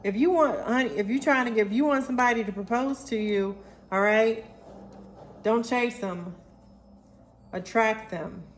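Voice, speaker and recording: A woman's voice: on the high side, moderate pace, long pauses, a little hiss or hum. Playful card-reading woman. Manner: animated, playful, calls viewers honey and y'all. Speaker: intuitive oracle card reader. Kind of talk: casual tarot-style card reading.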